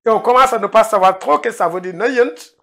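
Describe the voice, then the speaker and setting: A middle-aged man teaching a language lesson, first scolding his students and then explaining words, repeating them slowly. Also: high voice, gravelly, bright, forceful tone. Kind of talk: lecture-style language lesson. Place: indoor room, filmed by a cameraman.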